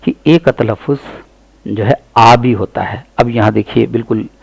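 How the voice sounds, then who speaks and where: A man with an Urdu accent giving a pronunciation lesson, saying each model word slowly and repeating it. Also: mid-range voice, vocal fry, husky, no room sound, rough recording. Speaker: English teacher.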